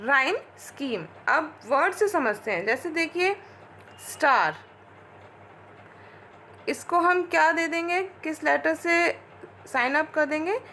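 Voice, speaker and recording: A woman's voice: high-pitched, expressive, pushed and bright, slight background noise. A woman teacher giving a lecture, asking questions and answering them herself as she explains. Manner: explains slowly, asks and answers her own questions. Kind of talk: classroom lecture mixing Hindi and English.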